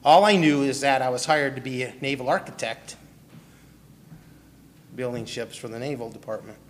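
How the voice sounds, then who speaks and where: This pastor, a man from Milwaukee, speaks at normal speed in a mid-range voice, weaving a personal testimony into his sermon. He puts questions to the audience and names individuals directly. The recording has slight background noise and long hall reverb.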